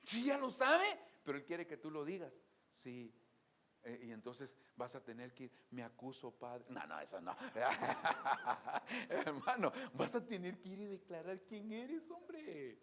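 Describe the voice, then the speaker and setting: A man preaching a sermon in a church, telling stories and swinging from soft asides to loud exclamations. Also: fairly high pitch, sing-song, measured pace. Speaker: pastor.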